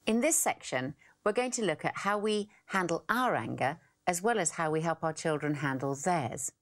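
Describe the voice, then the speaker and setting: A woman co-presenting a parenting course in expressive, scripted narration. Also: deep voice, normal speed.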